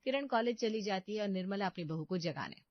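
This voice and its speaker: A woman's voice: medium pitch, expressive, brisk, dry recording, highs cut off. A woman narrating a scripted cartoon story in a plain, matter-of-fact way.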